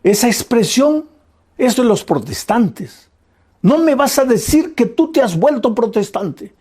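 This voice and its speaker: A man's voice: medium pitch, animated, a little slow, creaky, warm tone, breathy edge, voice pushed down, full character voice. A man voicing a stern religious mother who scolds her daughter indignantly.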